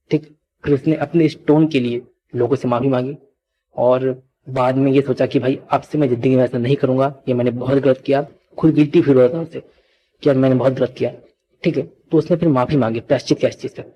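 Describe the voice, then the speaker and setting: A man's voice: mid-range voice, lo-fi sound. Man teaching vocabulary, repeats himself. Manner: repetitive, asks and answers own questions. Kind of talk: vocabulary lesson.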